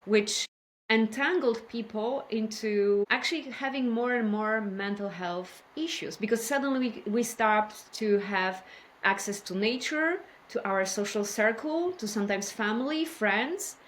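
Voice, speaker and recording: Lady on a podcast, talks slow and careful, lots of uh's. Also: fairly high pitch, slight background noise. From Poland. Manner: careful, measured, with many fillers. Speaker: podcast guest, healthcare innovation expert. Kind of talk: casual interview talk.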